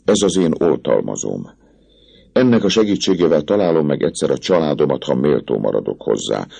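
A man's voice: very deep voice, sing-song, vocal fry, mellow, breathy edge, pitched above the performer's own voice, full character voice. A man voicing a passionate young woman who pleads with the man she loves, in an impassioned, breathless way. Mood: pleading. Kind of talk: audiobook character voice.

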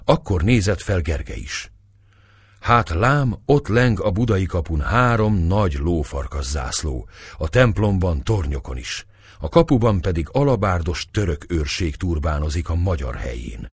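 Deep, husky male narrator. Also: animated, no echo. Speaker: audiobook narrator. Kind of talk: scripted narration of a historical novel.

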